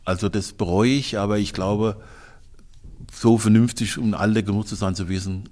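A man's voice: on the low side, steady tone, normal speed, a little mellow. A man in his sixties, a guest in a casual interview, talking in a blunt, colloquial and emphatic way with some crude slang. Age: 60s.

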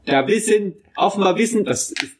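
A man's voice: lively intonation, normal speed, a little hiss or hum. A man in his twenties co-hosting a casual podcast, telling a rambling story and acting out the people in it. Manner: rambling storyteller, acts out quotes in a higher voice; frequent restarts and self-corrections. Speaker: podcast co-host. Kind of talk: casual chat.

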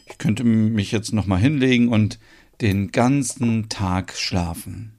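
A man voicing a sleepy, affectionate young woman in an audio soap opera, speaking softly. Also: on the low side, slow, slight background noise.

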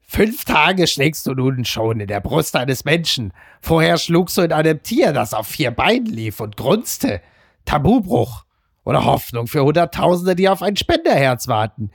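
A man's voice: a little high, sing-song, a little slow, creaky, husky, no room sound, studio quality, heavily acted. A man doing a dopey Homer Simpson voice. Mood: mock-solemn. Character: dopey cartoon dad reading a newspaper column. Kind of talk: comic read-aloud in a put-on voice.

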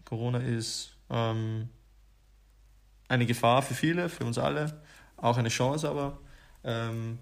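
A man co-hosting a casual podcast chat, speaking in a calm, measured way. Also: medium pitch, gravelly. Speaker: podcast co-host.

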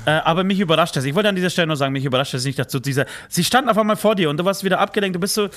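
A man's voice: high-pitched, rapid-fire, a bit bright. A man chatting casually in German, telling stories with many fillers, restarts and teasing asides. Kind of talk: casual chat.

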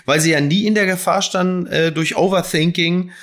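Joking German man, fairly high voice. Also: fairly even intonation, moderate pace, a bit bright. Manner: joking, interjecting, fond of asides. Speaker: podcast co-host. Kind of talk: casual football chat.

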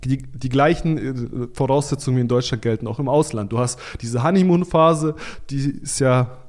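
A man talking as a podcast guest about online selling. He gives blunt, informal advice in a casual chatty way, stumbling into restarts and fillers as he thinks aloud. His voice sits at a medium pitch. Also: normal speed, darkish tone. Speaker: podcast guest, Amazon seller consultant. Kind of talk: casual expert interview talk.

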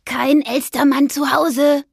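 A woman voicing a kind male ghost in a children's story, speaking slowly and gently. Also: high voice, fairly even intonation, vocal fry, no echo, clean studio sound, voice pushed up, exaggerated voice. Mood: calm, gentle. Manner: slow, drawn-out, gentle.

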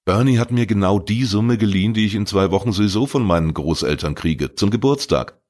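A man's voice: fairly low pitch, a little fast, a little mellow, pitched above the performer's own voice, lightly acted. A man reading a crime story voices a teenage boy who pleads and eagerly justifies himself. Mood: defensive. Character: teenage boy, defensive and talkative.

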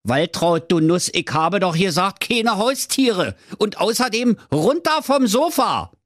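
A man's voice: high-pitched, big pitch swings, measured pace, no room sound, studio quality, pitched above the performer's own voice. A man voicing a dim-witted, grumpy husband who speaks with a Berlin accent, blustering and indignant. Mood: indignant grumbling.

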